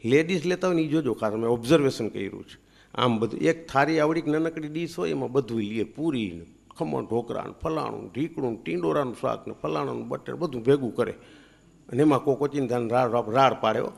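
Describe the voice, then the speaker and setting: A male comedian spins a comic yarn on stage in a chatty, teasing way. His voice sits at an ordinary middle pitch but jumps up loud for punchlines and drops low and quiet for asides. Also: fairly quick, gravelly. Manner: chatty and teasing, with big swings in pitch and loudness. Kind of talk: stand-up comic storytelling.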